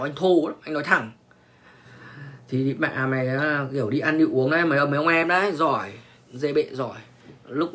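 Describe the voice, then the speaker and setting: A man's voice: on the high side, bright, forceful tone. A young man, telling a crude story in casual talk, swearing and stammering through repeated restarts. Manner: profane, repetitive stammering restarts, slangy. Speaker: online personality telling stories.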